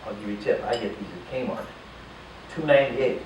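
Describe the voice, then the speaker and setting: A man's voice: medium pitch, a little fast, a little mellow. An older man performing as a stage magician in a casino showroom, keeping up jokey, chatty banter with volunteers from the audience. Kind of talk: live magic show patter. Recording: echoey, distant, noisy live room.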